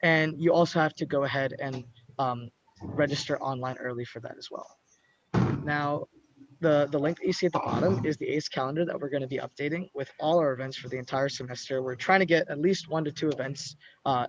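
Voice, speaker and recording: A man's voice: medium pitch, steady tone, brisk. A man running a student club's video call, announcing upcoming events in a loose, casual way with many ums and uhs. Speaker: student club officer hosting a meeting. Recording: muffled video-call audio.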